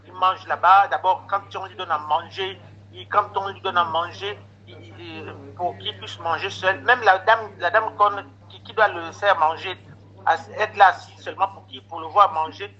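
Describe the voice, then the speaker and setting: This man's voice sits high as he recounts a lengthy story casually and at a moderate pace. Much of it is animated retelling of conversations, full of quoted lines from others. The recording is dull and lo-fi.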